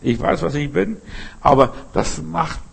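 A man preaching a sermon with fervor, breaking into loud shouted calls to his listeners. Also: fairly high pitch, animated, a little slow, creaky, slightly rough. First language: German. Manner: fervent, bursts into shouted calls.

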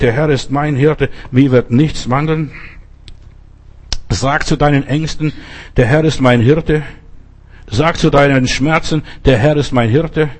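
An older male preacher giving a sermon, speaking directly to his listeners with emphatic, repeated phrases. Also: a little high.

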